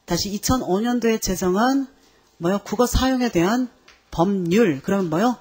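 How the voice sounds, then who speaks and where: A woman's voice: medium pitch, moderate pace, slightly rough. A woman teaching an exam-prep lecture on Chinese characters, quizzing her students and checking in with them again and again. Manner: lively, quizzing students with constant check-ins.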